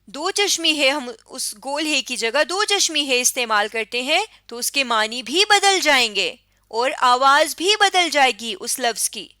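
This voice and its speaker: A woman's voice: sits high, bright, forceful tone, no echo, studio quality. A woman with a Pakistani Urdu accent, an Urdu teacher giving a patient lesson voice-over, repeating and correcting herself as she explains.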